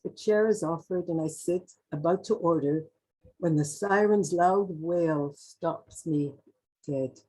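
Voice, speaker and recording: An older woman from Canada reading her own poems aloud in a slow, measured recitation, with a few restarts between lines. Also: on the low side, dark tone, breathy edge, low-quality recording. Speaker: poet. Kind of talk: poetry reading.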